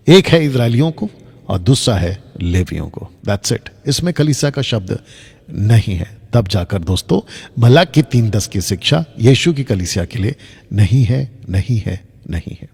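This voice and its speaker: A man's voice: lowish voice, creaky, darkish tone, husky, big-room sound. A man teaching Bible lessons over slides, emphatic, repeating his points and asking rhetorical questions. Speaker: Bible teacher on a video channel.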